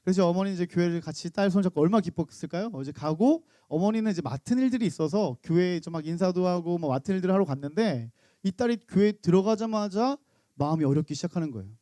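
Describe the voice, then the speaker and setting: A male pastor preaching a sermon with stories, animated and often asking the congregation questions. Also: high-pitched, fast, no echo. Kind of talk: sermon with storytelling. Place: church.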